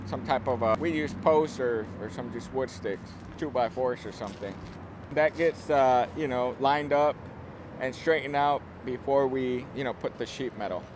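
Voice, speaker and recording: Walking through an open steel-frame construction site, a man in his thirties from a construction company leads an unscripted tour. His voice is fairly high, and he explains informally, frequently rewording himself. Site and vehicle sounds come through in the clear outdoor recording.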